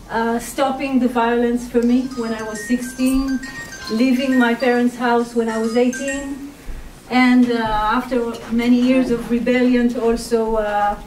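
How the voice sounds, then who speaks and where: A sex and relationship therapist whose first language is Hebrew speaks to an audience with an Israeli accent, giving a reflective, hesitant personal talk full of pauses, fillers and searches for words. Her fairly high voice is a little mellow. A distant mic in an echoey room picks her up, with roomy echo and a bit of hiss or hum.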